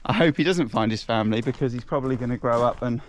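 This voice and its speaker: A man talking outdoors on a farm in an upbeat, chatty vlog style. His voice sits at an ordinary middle pitch, and a faint background hiss runs underneath. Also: fast. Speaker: family vlog host. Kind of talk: casual vlog narration.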